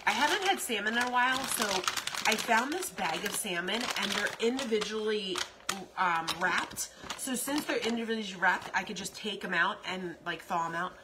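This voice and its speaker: A rambling woman vlogs in a home kitchen, filmed on a phone held close. She talks at an ordinary mid pitch, full of ums and repeated phrases. The recording carries a clear layer of background noise. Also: expressive, moderate pace. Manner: chatty, rambling, with frequent ums and self-repeats. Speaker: vlogger. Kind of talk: casual grocery haul vlog. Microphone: phone camera at arm's length.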